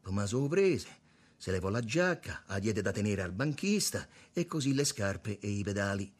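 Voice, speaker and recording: A man reading a novel aloud with expressive storytelling. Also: on the low side, normal speed. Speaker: narrator.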